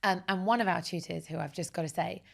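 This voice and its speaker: A woman, a guest in a relaxed interview. Her voice has a gravelly, creaky edge. She speaks with animated, enthusiastic energy. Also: lowish voice, fast. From Essex, England. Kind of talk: casual conversational interview.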